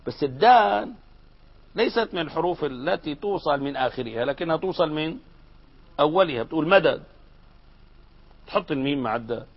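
A grammar teacher, his fairly high voice swinging up and down as he explains. He keeps asking his students questions in a lively classroom manner. The recording sounds dull and lo-fi. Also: fairly quick, long pauses, husky.

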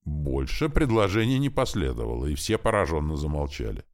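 A man narrating an audiobook in the first person with steady storytelling. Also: extremely low pitch, brisk. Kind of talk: scripted narration.

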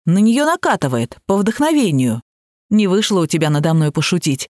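A woman's voice: fairly low pitch, normal speed, no room sound, studio quality. A woman voicing a literal-minded, self-important man who mumbles his lines without irony. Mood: deadpan. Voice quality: mumbling, deadpan.

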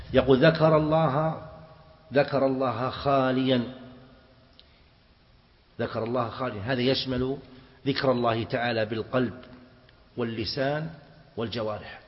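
A man teaching a classical religious text to students, explaining it slowly and quizzing them as he goes. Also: mid-range voice. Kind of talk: mosque lesson explaining hadith. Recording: dull reverberant hall recording.

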